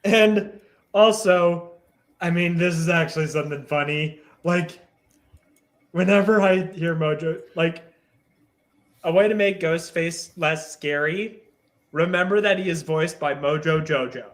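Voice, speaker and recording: A man's voice: a little high, a little slow. A man co-hosting a casual cartoon podcast, sharing facts in a chatty way, with lots of "like". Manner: chatty, gives facts with many likes. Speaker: podcast co-host.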